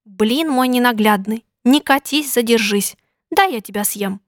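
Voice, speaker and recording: A woman's voice: a little high, a little slow, dry recording, clean studio sound, close to an everyday voice. A woman voicing a bold rooster that coaxes a pancake. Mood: coaxing. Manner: coaxing.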